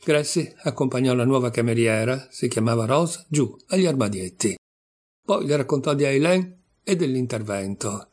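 A man narrating a literary short story in a measured, calm storytelling manner. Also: medium pitch. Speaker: narrator and reader.

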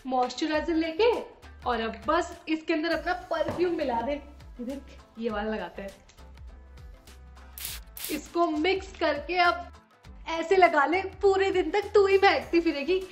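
A woman playing a pushy, scheming mother in a comedy family skit, talking loudly and bossily. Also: high-pitched, a little slow, long pauses, faint music behind. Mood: bossy. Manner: bossy, fussing, loud. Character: pushy scheming middle-aged Indian mother.

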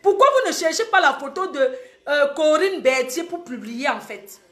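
A young woman with a high voice scolds her live-stream audience and hammers each warning home. She is recorded in an echoey room with faint music behind her. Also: expressive, normal speed, a bit bright. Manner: scolding, emphatic, repeats warnings. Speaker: social media live host. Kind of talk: heated live-stream monologue.

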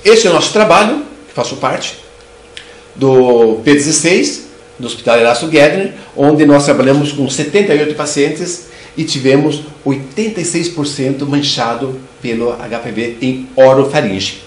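A man's voice: mid-range voice, normal speed, a little hiss or hum. An older man with a Brazilian Portuguese accent giving a clinical lecture as a dental surgeon, explaining step by step and often restarting words. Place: room with bookshelves. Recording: echoey room sound.

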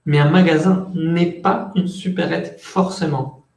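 A man's voice: a little high, steady tone, slow, a little mellow, reverberant. A man teaching French in an online class, explaining patiently and switching between Spanish and French.

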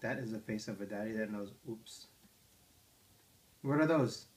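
Reading picture books to his toddler at home, a man with a lowish voice keeps a moderate pace. He sits in the living room armchair, playfully coaxing her with questions about the pages.

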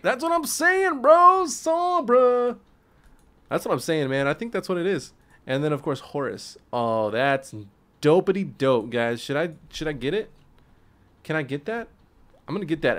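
A man streaming gameplay, commenting casually in slang with swearing, a little tipsy from drinking, and breaking into excited yells during play. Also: medium pitch, clear, resonant tone. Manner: laid-back, slangy, swears, bursts into excited yelling at play. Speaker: gaming streamer.

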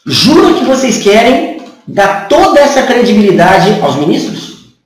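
A Brazilian man with a very high-pitched voice delivers a sarcastic opinion piece, firing off rhetorical questions. He sits a few feet from the camera in a small bare room, and his voice bounces around the walls. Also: sing-song, a little slow, recorded from a distance. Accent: Brazilian Portuguese. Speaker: channel host. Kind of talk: political opinion monologue. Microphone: camera from a few feet away. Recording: echoey room, voice a bit off-mic.

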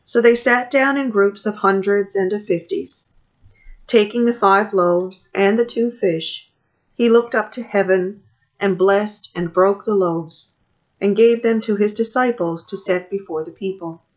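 A middle-aged woman priest leading a morning prayer service from a small office, reading scripture and prayers in a measured, steady way into a webcam. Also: mid-range voice. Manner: measured, steady reading with pauses between phrases. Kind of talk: reading a liturgy aloud. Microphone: webcam at desk distance.

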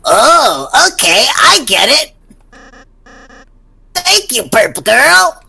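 Woman doing a creaky, manic little clown villain. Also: high voice, very animated, extremely slow, bright, forceful tone, full character voice. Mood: pleased. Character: boyish clownish little villain, boastful, eager to seem scary. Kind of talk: voicing video game dialogue in a let's play.

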